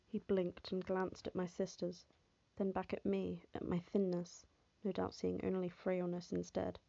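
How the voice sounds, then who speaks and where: A woman narrating an audiobook in first person, with a steady, even reading. Her voice is deeply gravelly and dark, with little rise and fall. The recording is dull, lo-fi and dry. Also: unhurried, dry recording.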